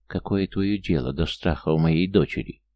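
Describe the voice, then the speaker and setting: A man's voice: sits low, moderate pace, warm tone, natural voice. A man voicing a snappish young mother. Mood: angry. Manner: snapping, curt demands. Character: irate young mother, sharp-tongued and defensive.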